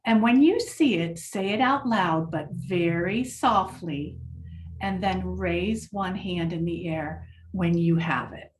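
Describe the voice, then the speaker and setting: A woman leading a children's mindfulness lesson, speaking gently and encouragingly to the class. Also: on the low side, takes it slowly, recorded from a distance.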